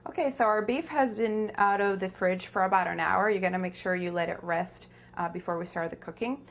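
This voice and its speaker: A woman in her thirties from Caracas, Venezuela, with a Venezuelan accent, gives informal step-by-step cooking instruction in a small home kitchen. Her voice is medium in pitch and she speaks fairly quickly.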